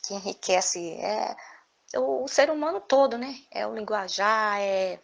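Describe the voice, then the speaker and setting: A woman storyteller telling a folk tale in an animated way, often adding tag questions. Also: medium pitch, unhurried, vocal fry. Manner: lively, frequent tag questions.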